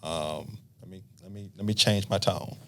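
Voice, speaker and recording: A middle-aged man, a marriage counselor on a podcast, explaining in a relaxed, talkative way and acting out couples' lines. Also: low-pitched, moderate pace. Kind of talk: casual podcast conversation.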